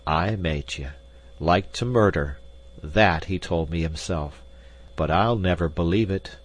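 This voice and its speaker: Man playing a feverish, troubled laborer. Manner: halting, low and quiet. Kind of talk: audiobook character voice.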